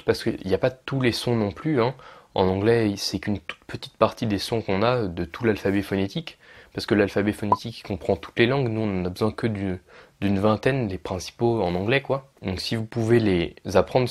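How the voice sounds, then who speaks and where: A man's voice: lowish voice, a little mellow. A young man explaining pronunciation steps in a casual video lesson, with frequent fillers and self-corrections. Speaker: English teacher for French speakers.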